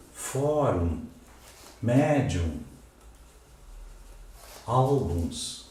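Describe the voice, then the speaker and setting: A man's voice: medium pitch, dark tone, very echoey. A Brazilian man teaching a grammar lesson at a board, explaining step by step and checking in with his listeners. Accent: Brazilian Portuguese. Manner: explanatory, checks in with "né?" and "ok?", spells out letters. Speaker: Portuguese teacher.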